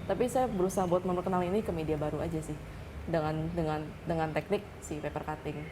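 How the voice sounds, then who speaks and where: A woman's voice: on the low side, fairly even intonation. A young woman from Indonesia, a paper-cutting artist, explaining her work in a TV interview. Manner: fast, earnest, explaining with many fillers. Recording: noisy TV studio.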